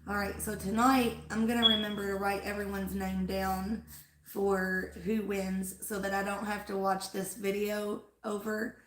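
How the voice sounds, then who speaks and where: A woman hosting a casual flower-farm livestream rambles through her chat, filling pauses with "like" and "um," while losing her voice after being sick. It's mid-range, unhurried, a bit bright and fairly flat in pitch, recorded in an echoey room with a little hiss or hum.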